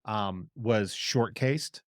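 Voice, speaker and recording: A man with a Boston accent chatting casually and explaining in a halting, informal way. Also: lowish voice, no echo, clean studio sound. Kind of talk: casual chat about collectible toys.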